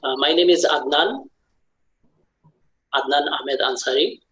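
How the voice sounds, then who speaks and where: Man from Bangladesh, shy, halting, lots of uh fillers, video call, self-introduction. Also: on the high side, fairly bright tone, slight background noise, low-quality recording. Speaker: club member giving a self-introduction. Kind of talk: hesitant online meeting talk.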